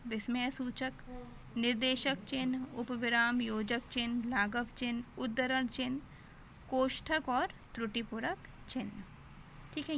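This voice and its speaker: A young woman teaching a grammar lesson, explaining slowly and posing questions that she answers herself. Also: sits high, a bit bright, slight background noise. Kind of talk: online Hindi grammar lesson.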